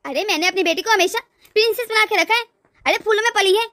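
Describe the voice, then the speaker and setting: A woman's voice: very high-pitched, quick pace, bright, forceful tone, no room sound, studio quality. A woman voicing a bossy, scornful older mother-in-law in a cartoon, nagging and haughty. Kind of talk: cartoon voice acting.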